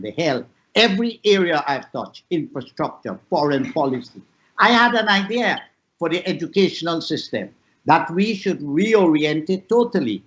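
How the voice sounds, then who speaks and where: An older Guyanese man speaks on a video panel, stacking up his points in emphatic, repeated lists. His voice sits fairly high for a man. The audio comes through muffled and dull, like a typical online call. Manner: emphatic, repetitive lists, rising and falling pitch. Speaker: panel guest, professor. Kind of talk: impassioned panel discussion.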